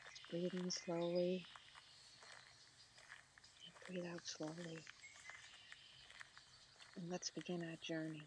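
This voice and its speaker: A soothing guide narrating a meditation in short, slow phrases with long pauses. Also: medium pitch, completely flat delivery. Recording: clear outdoor nature noise, birdsong.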